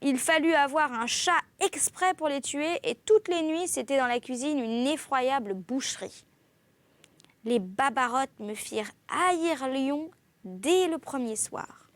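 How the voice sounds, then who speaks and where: An audiobook reader with a high voice reads a classic novel aloud slowly in an expressive literary style, giving each exclamation a clear lift. The recording is close and dry, with no room sound or echo.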